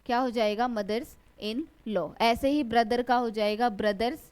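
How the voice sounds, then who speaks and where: A woman's voice: on the high side, fairly even intonation, darkish tone, clear, resonant tone. Woman teaching English grammar. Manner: asks a question and then answers it herself; stretches out example words slowly. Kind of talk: classroom lecture.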